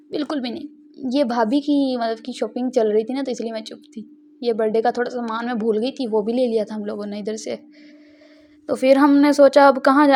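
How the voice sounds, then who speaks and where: A woman's voice: a little high, darkish tone, slight background noise. A young woman, rambling and giggling as she tells a casual vlog story. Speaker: vlogger. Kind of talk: casual chatty vlog narration.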